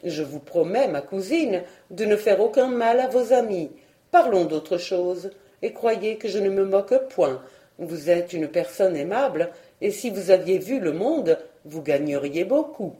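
A woman reading a storybook, voicing a vain scheming cousin, a colonel who talks smoothly and persuasively. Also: mid-range voice, expressive, measured pace, mellow, lightly acted.

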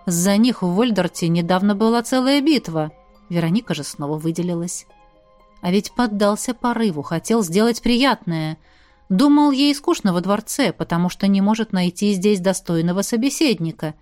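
A woman reading a novel aloud in a steady, even storytelling manner. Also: medium pitch, normal speed, no room sound, faint music behind. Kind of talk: audiobook narration.

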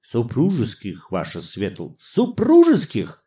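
A man's voice: mid-range voice, huge pitch swings, takes it slowly, dark tone. A man doing a nervous deferential young officer. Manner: hesitant, formal. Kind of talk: audiobook character voice.

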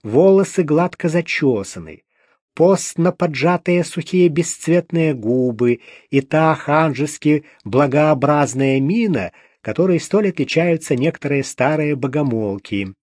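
A man's voice: on the high side, expressive, unhurried, a little mellow, no room sound. A man narrating an audiobook detective story with dry, wry irony. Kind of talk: scripted narration.

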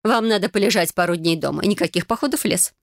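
A woman's voice: lowish voice, fast, gravelly, no echo. Brief: matter-of-fact healer woman, firm delivery, read by a woman, dry close sound. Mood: businesslike. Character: brisk red-haired female healer, matter-of-fact.

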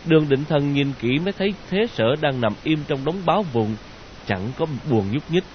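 A man narrating a story in an expressive audiobook reading, in a dull lo-fi recording. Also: fairly high pitch, moderate pace, slight background noise.

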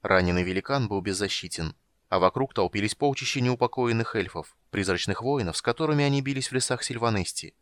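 A man reading an audiobook with steady, measured storytelling. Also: on the low side, no room sound. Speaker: audiobook reader. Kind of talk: scripted narration.

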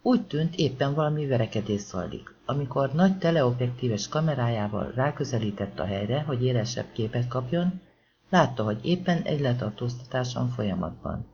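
A man narrating an audiobook in a steady, measured reading. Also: mid-range voice, creaky. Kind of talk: scripted narration. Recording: slightly dull lo-fi recording with faint hiss.

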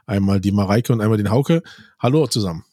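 A podcast host talks with his guests over a remote connection from a virtual studio, keeping the interview casual and conversational and setting up his questions plainly. He has a lowish, dark voice, talks fast and animatedly, and the audio is studio quality with no room sound.

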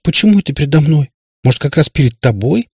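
An earnest, good-natured schoolgirl speaks softly and teases her friend lightly, as a man reading the book puts her on. The raised voice keeps a husky grain. It is recorded dry and close. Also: a little high, expressive, fast talker, no room sound, voice pushed up. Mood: gentle. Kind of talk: audiobook reading.

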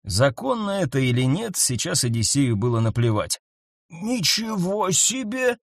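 A man doing expressive scripted narration of a sci-fi story. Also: mid-range voice, normal speed, creaky, no echo, studio quality. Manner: animated storytelling. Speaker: audiobook narrator.

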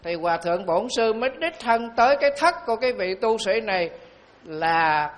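Monk telling stories. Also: male voice, high voice, a bit bright. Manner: storytelling, slow and emphatic on key phrases. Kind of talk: sermon.

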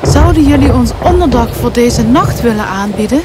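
An actress playing a gracious, gentle young girl in a fairy tale, speaking politely. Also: on the high side, animated, moderate pace, background noise, lightly acted. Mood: polite, pleading. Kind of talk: storybook voice acting.

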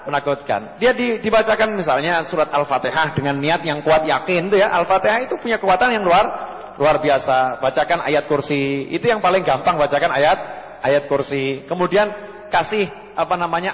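A man with a Javanese accent giving a folksy sermon, telling stories and acting out the dialogue. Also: fairly high pitch. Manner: folksy, mixes in Javascript-free Javanese words, acts out dialogue. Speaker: Islamic preacher. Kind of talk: sermon with storytelling. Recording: muffled hall recording.

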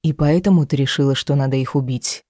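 A woman's voice: rumbling low, brisk, mellow, no echo, studio quality. A woman voicing a cruel, angry husband in an audiobook, speaking harshly and threateningly. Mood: harsh anger. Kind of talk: audiobook character reading.

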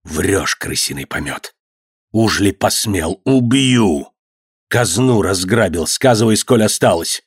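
A man reading an audiobook, voicing a wrathful, domineering old merchant who shouts and scolds in old-fashioned speech. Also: fairly low pitch, expressive, takes it slowly, breathy edge, no room sound, clean studio sound, exaggerated voice. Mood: furious.

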